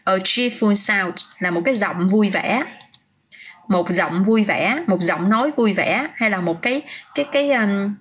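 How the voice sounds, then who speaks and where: A woman's voice: mid-range voice, a little slow, fairly bright tone, slightly rough. A woman teaching English vocabulary on a casual livestream, chatting, answering viewers' comments by name and often restarting her sentences.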